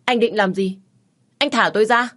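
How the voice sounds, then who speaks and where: A woman voicing a young pregnant wife who is defiant and frightened, shouting and pleading near tears. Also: fairly low pitch, moderate pace, natural voice. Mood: distraught.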